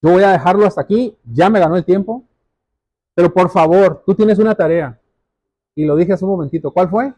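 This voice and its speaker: In a sermon to his congregation, this man's high, mellow voice moves a little fast as he earnestly and directly presses his points, circling back to key phrases. The sound is dry and echo-free, with hardly any room.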